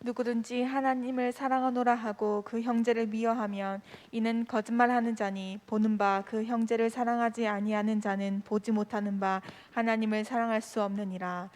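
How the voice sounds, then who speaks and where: A woman reading a Bible passage aloud at a church service in a steady, measured way. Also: on the high side. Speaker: congregation member reading scripture. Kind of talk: scripture reading.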